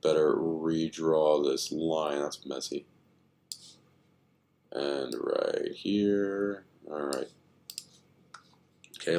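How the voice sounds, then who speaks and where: A man giving casual, rambling commentary on stock charts, thinking aloud with many fillers, tired and yawning. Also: extremely low pitch.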